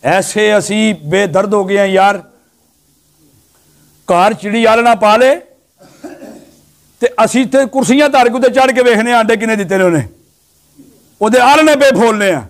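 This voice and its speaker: A man preaching a sermon to a live gathering in a notably high voice. He tells his stories animatedly, rising to loud exhortation and then dropping to low, hushed asides. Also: moderate pace, long pauses.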